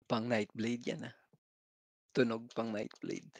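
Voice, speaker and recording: A man's voice: medium pitch, level tone, slow pace, dry recording. A middle-aged man in casual gaming banter, laughing often and swearing. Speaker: gamer co-host.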